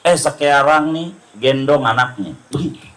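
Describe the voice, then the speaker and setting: A man, giving a sermon at a family celebration and telling humorous stories with slow, emphatic stresses. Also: mid-range voice, fairly bright tone, poor audio. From Indonesia. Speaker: preacher. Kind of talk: sermon at a circumcision feast.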